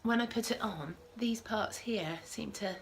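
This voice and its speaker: Speaking in an unhurried, somewhat high voice, a woman runs a laid-back knitting podcast from her home, with slight noise in the background. A cold is coming on, so she sniffles, and she wanders through her thoughts with frequent self-corrections.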